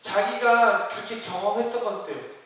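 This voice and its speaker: A man delivers a sermon in a chatty, questioning style, his voice pitched high for a man. The sound is heavily echoey, with a long hall reverb, and he stands well away from the microphone. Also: moderate pace, a bit bright, a little hiss or hum. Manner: conversational preaching with questions to the congregation. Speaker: youth ministry preacher. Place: church sanctuary. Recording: roomy hall, distant mic.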